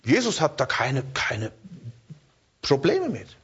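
A man preaching a sermon in a lively way, often checking in with his listeners and repeating words as he searches for the next one. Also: medium pitch, slow, husky, dull audio.

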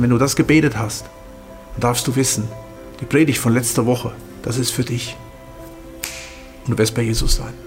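A man preaching and praying earnestly, often repeating phrases and speaking straight to the listener. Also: mid-range voice. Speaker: pastor. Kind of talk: sermon with prayer.

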